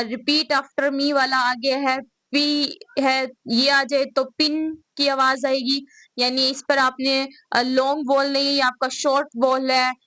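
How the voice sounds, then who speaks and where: Pakistani lady teacher, high voice, dry close sound, keeps asking and answering herself. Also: fairly bright tone, no room sound. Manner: repeats questions and answers them herself, calls students "beta". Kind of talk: recorded lecture explaining slides.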